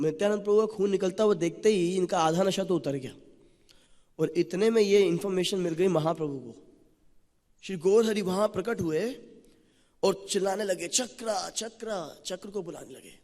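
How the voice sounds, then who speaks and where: A man with a high-pitched voice preaches in a temple hall, telling the story in an animated way. A long echo trails after each phrase he speaks. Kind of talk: sermon. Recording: long reverb of a large hall.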